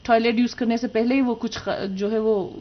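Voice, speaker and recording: A woman's voice: on the high side, fairly even intonation, muffled recording. A woman doctor, a guest on a TV morning show, giving expert advice in a patient, explanatory way with frequent fillers. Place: TV studio.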